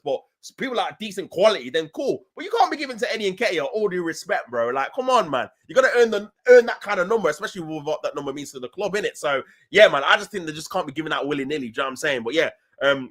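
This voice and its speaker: A man's voice: on the high side, a bit bright. A young man hosting a casual football live stream, reading chat messages in loose, slangy talk and laughing often.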